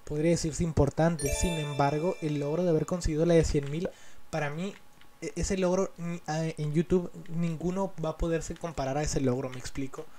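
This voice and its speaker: A man's voice: on the high side, fairly even intonation, moderate pace, warm tone, slight background noise. A man with a Mexican accent chatting casually over gameplay as a gaming YouTuber, rambling and complaining in an annoyed way.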